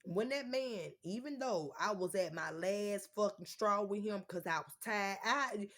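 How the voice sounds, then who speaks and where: A woman's voice: mid-range voice, a little slow, fairly bright tone. A woman in her thirties venting on her own video channel in a blunt, profane, heated way, her nose running. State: runny nose. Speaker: YouTuber. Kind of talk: unfiltered storytime vlog.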